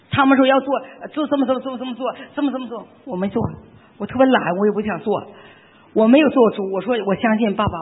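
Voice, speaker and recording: A man giving a fervent, animated church testimony. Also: high voice, breathy edge. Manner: fervent, animated, with emphatic outbursts. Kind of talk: emotional testimony. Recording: echoey hall, tinny phone-like sound.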